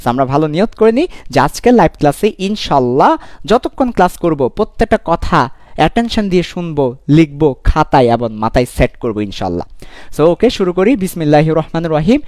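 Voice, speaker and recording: A young man teaches a chemistry class online. His fairly high voice swings up and down constantly as he repeats key points and teases his students playfully. The sound is dry and close. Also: fairly quick, no echo. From Bangladesh. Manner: animated, repetitive, playful teasing. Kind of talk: live online lecture.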